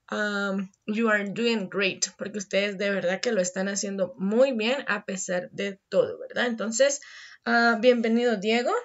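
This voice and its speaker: A woman's voice: a little high, fairly bright tone, highs cut off. A woman teaching an English class online, switching between Spanish and English and checking in with "verdad?".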